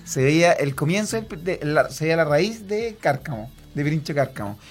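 A man's voice: a little high, lively intonation, normal speed, breathy edge. A man with a Chilean accent hosting a comedy radio show, teasing his co-hosts in a mock-serious tone. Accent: Chilean Spanish. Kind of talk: improvised comedy banter.

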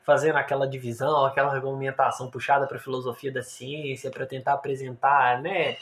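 A man's voice: mid-range voice, little pitch movement, brisk, a bit bright. A man with a Brazilian Portuguese accent chatting casually and jokily as a podcast co-host. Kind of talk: casual chat.

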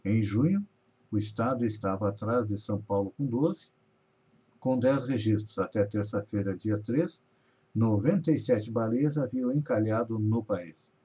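A man's voice: lowish voice, measured pace, mellow, breathy edge. A man from Brazil hosting a live news show, reading regional headlines and stories with rising emphasis. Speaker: news host. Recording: dull lo-fi audio.

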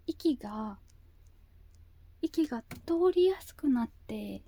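A woman speaks in a high, cutesy anime-girl voice with a very mellow, gentle tone. She talks very slowly in a casual monologue, hesitating and repeating herself as she goes. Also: lively intonation, husky. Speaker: video host.

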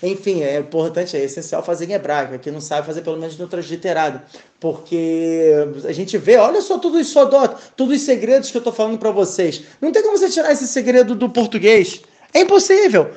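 High-pitched male teacher, lively and expressive, explaining scripture casually. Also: brisk. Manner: animated, expressive teaching, sprinkled with Hebrew terms. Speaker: Torah teacher. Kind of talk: casual religious lesson.

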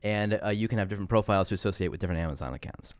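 Man, podcast guest, quick speech, low voice, enthusiastic, dry sound. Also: no echo. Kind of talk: casual tech podcast chat.

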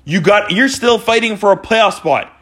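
Ranting man with a bright high voice. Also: expressive, moderate pace. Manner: exasperated, ranting, sometimes shouting. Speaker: hockey fan vlogger. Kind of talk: post-game fan rant.

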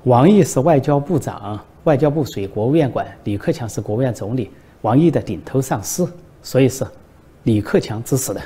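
Comedy sketch: a bumbling, evasive male leader who deflects blame, done by a man with a husky voice. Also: medium pitch, lively intonation, brisk, dark tone. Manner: stumbling over words, deflecting blame.

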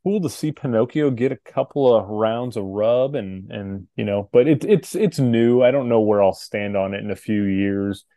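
A man in his thirties co-hosting a podcast, thinking out loud in casual chat. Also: on the low side, moderate pace, hardly any pauses, no echo, studio quality. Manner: thoughtful, hesitant, restarts sentences. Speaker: podcast co-host.

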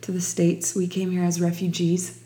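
A woman's voice: fairly low pitch, completely flat delivery, mellow. A young woman from Ukraine sharing her personal faith testimony in an interview, reflective and full of restarts. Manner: slow, reflective, many restarts.

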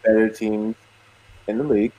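Husky man insisting he's just asking. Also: fairly low pitch, steady tone, normal speed, dark tone, low-quality recording. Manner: defensive, insistent, repeats himself. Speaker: co-host. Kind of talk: casual sports debate.

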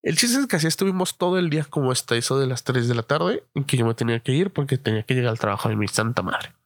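A man's voice: mid-range voice, lively intonation, fast, no room sound. Slangy young man telling a story. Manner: slangy, rambling, full of fillers and swearing. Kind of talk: casual anecdote telling.

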